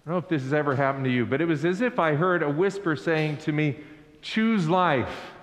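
A male pastor preaching an Easter sermon in a slow, deliberate way. He asks the congregation to repeat lines after him. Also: fairly high pitch. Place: church sanctuary. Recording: echoey hall with long reverb.

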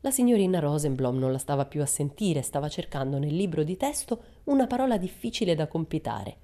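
Female storybook narrator, low-ish mellow voice, calm reading. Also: a little fast.

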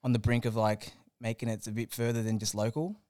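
Smooth-voiced young Aussie podcast host. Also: male voice, mid-range voice, little pitch movement, fast talker, darkish tone, no echo, studio quality. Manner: friendly and informal, slangy. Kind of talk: casual podcast chat.

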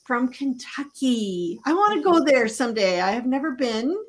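A woman raised in Canada hosting a casual live-stream interview, chatty and quick to laugh. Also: sits high, big pitch swings. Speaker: podcast host.

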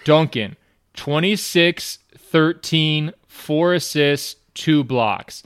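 A man's voice: fairly high pitch, drawn-out words, clear, resonant tone, dry recording. A man co-hosting a sports podcast, teasing his partner dryly and reading out stats. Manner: teasing and dry, reads out stats. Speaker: podcast co-host. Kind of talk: casual podcast banter.

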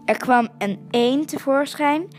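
A woman's voice: high-pitched, a little slow, darkish tone, soft background music. A woman reading a children's story aloud, stumbling and correcting herself over words. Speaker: story reader.

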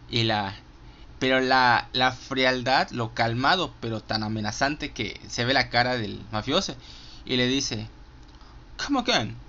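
A man's voice: medium pitch, pushed and bright, dull audio, slight background noise. A man with a Mexican accent counting down his favorite films in a casual, profane, enthusiastic monologue full of fillers. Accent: Mexican Spanish. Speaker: film reviewer.

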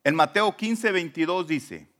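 A man, preaching a sermon in a church, dropping to soft low asides and then rising to emphatic lines. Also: a little slow. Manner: retells scripture with acted quotations. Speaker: pastor.

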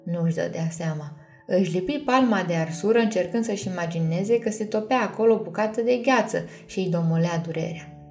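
A woman narrating a children's storybook chapter in a calm, measured way. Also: lowish voice. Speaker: audiobook narrator. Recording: soft music underneath.

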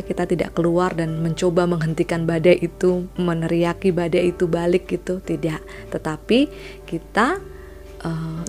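A woman child counselor giving a parenting lesson in a calm, gentle way, often dropping to a soft whisper. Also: fairly low pitch.

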